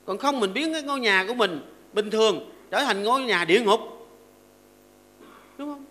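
An older monk preaches in a high voice with a bright, forceful edge. He teaches through homely stories and short verses, and he keeps stopping to ask his seated listeners to agree. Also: animated, moderate pace. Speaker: Buddhist monk giving a dharma talk. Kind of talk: sermon to a seated audience.

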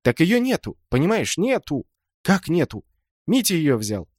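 A man's voice: fairly high pitch, sing-song, a little slow, husky, dry recording, studio quality, pitched above the performer's own voice, exaggerated voice. A man playing an earnest, bewildered little boy. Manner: earnest, explaining. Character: small bewildered boy, earnest and eager to help.

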